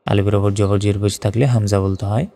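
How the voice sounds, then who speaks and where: Male Quran reading teacher, methodical, chants verses slowly; low warm voice, long-reverb recording. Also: little pitch movement, gravelly. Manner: patient, methodical, drawn-out chanted recitation of verses. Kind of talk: spelling out and reciting Arabic letter by letter.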